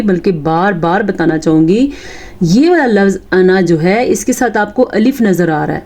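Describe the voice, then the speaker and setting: A woman teaching Quran recitation in a Pakistani Urdu accent, chanting verses slowly and then explaining pronunciation rules and correcting common mistakes. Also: mid-range voice, mellow. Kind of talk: tajweed lesson.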